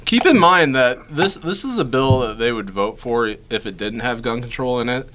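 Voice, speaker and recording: A man's voice: mid-range voice, animated, normal speed, fairly bright tone. A man co-hosting a gun-rights show in casual, conversational chat.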